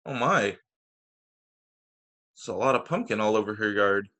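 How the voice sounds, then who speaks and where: Reading a children's story aloud to a video call, this teacher leans hard on key words and breaks off for quick remarks to his audience. He speaks low, with lively intonation and a bright, forceful tone.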